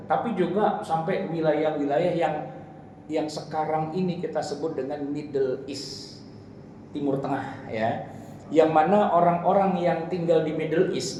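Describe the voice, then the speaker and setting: A man's voice: a little high, dark tone. A man from Indonesia giving a casual religious history talk, chatty and often turning to address a listener directly. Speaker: Islamic teacher. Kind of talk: casual lecture. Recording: very echoey room with faint noise.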